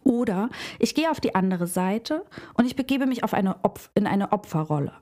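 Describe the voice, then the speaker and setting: Woman, hairdresser, reflective self-help talk, soft dark tone, addresses the listener directly. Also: medium pitch, lively intonation, normal speed. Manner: speaks directly to the listener with everyday examples.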